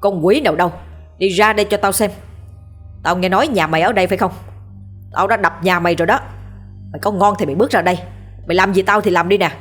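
A woman voicing a hot-tempered young village man who shouts threats in quick bursts. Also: lowish voice, expressive, slightly rough, faint music behind. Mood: furious.

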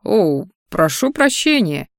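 A woman's voice: lowish voice, big pitch swings, slow, gravelly, no echo, clean studio sound, full character voice. A woman voicing a courteous, good-natured middle-aged father with a sly, teasing manner in a story.

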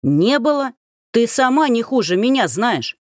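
A woman's voice: a little high, big pitch swings, measured pace, darkish tone, no echo, studio quality, pitched above the performer's own voice. A woman reading an audiobook, voicing a frightened young nobleman who pleads in panic with a cracking voice. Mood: panicked. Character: frightened young male dandy begging forgiveness.

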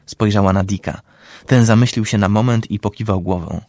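Male narrator, lowish pitch, steady audiobook delivery, dry booth-like sound. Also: fairly quick, no echo. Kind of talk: audiobook-style story reading.

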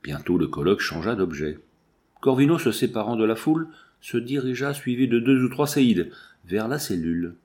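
Man narrating a novel, measured. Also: medium pitch, big pitch swings, darkish tone. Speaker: audiobook narrator. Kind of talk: scripted narration.

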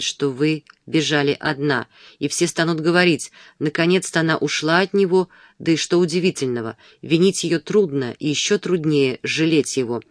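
Man reading a domineering, pleading suitor, audiobook, high-ish voice, dry sound. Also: dry recording, lightly acted. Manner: passionate, insistent pleading. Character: ardent, domineering young gentleman suitor. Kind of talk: audiobook dialogue.

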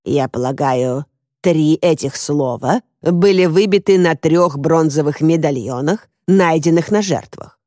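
Shrewd confident old lady sleuth, read by a woman, low dark voice, dry close sound. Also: unhurried, no room sound. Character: sharp-witted woman of seventy-seven, amateur sleuth.

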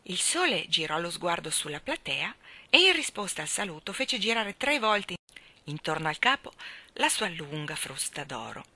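A woman reading a children's novel aloud, expressive and shifting between character voices. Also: fairly low pitch, normal speed. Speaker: audiobook reader. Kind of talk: storybook reading.

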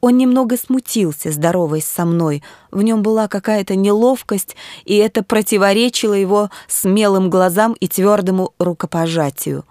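A woman narrates a literary audiobook in a measured, steady way. The recording is dry and close, with no room sound. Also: mid-range voice, no room sound.

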